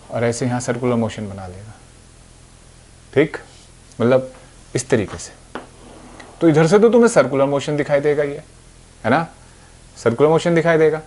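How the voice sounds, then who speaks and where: A man's voice: medium pitch, darkish tone. A young man teaching physics. He explains step by step and keeps checking that his students are following. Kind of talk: whiteboard physics lesson.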